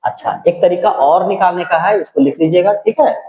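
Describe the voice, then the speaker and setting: Middle-aged man, teacher, soft-spoken, slightly high voice, echoey room. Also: brisk, muffled recording, a little hiss or hum. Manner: casual, keeps checking in with "ठीक है"; speaking softly, holding his voice down. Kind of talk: chemistry lecture. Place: room at night.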